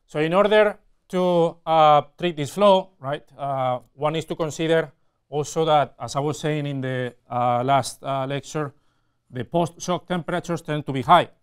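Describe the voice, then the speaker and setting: A man in his forties giving a technical university lecture, explaining step by step with frequent pauses mid-phrase. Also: on the high side, clean tone. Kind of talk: technical lecture at a whiteboard with slides. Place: indoor classroom or studio with whiteboard.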